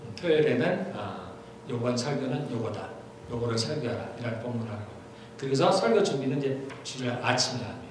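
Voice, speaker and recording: A man's voice: mid-range voice, expressive, quick pace. A middle-aged man preaching a sermon as pastor, talking in a conversational way and repeating key phrases for emphasis. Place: church sanctuary. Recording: very echoey church hall, faint noise.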